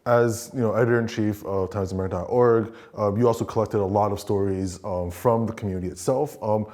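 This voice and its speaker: A man hosting a news interview show, asking casual, halting questions. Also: lowish voice, steady tone, a little mellow.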